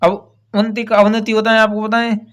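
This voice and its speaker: Male teacher, high-pitched, patient, repeats key words while going through test answers. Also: completely flat delivery, normal speed, fairly bright tone. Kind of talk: exam answer walkthrough.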